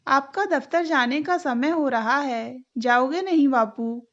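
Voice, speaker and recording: A timid young schoolboy pleading meekly in a storybook tale, as a woman narrator puts him on. The voice is high and unhurried, with a dull lo-fi recording. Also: a bit bright, full character voice. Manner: meek, pleading. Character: timid young schoolboy, frightened of his father.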